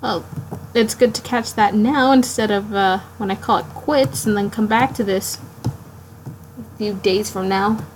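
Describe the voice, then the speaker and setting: A woman live-streaming her drawing late at night, sleepy and yawning, rambling to herself in halting, self-interrupting talk. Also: medium pitch, slight background noise, low-quality recording. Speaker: art streamer.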